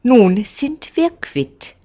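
A woman voicing an old male village elder who speaks in a firm, measured and kindly commanding way. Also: a little high, sing-song, mellow, lo-fi sound, voice pushed up, heavily acted. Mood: warm.

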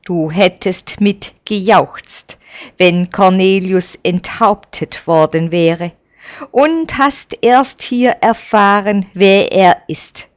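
A woman reading the lines of a stern male Roman official in a measured, admonishing way. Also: medium pitch, muffled recording, lightly acted. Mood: reproachful.

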